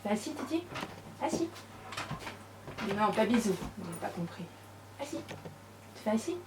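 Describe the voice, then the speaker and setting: A woman's voice: medium pitch, sing-song, moderate pace. A woman vlogging casually from her craft room at home, chatting to the viewers and coaxing her dogs to sit. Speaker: scrapbooking vlogger. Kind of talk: casual chat to camera. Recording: distant camera mic, noisy room. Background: dogs moving about.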